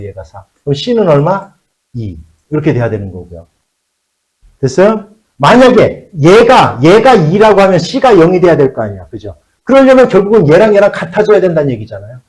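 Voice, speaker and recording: Lively-voiced man teaching a math class. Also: on the high side, rough recording. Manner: checks in with the students constantly, repeats key phrases; switches between polite and casual speech. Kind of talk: classroom lecture.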